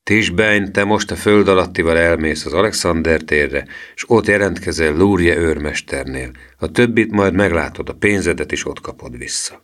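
A man voicing a gruff police sergeant who talks in a slow, low grumble. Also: fairly bright tone.

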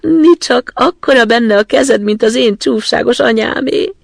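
A man's voice: very high-pitched, gravelly, no echo, clean studio sound, pitched above the performer's own voice, heavily acted. A man voicing a bold, fierce young robber girl who talks in a brash, threatening way, in a storybook reading.

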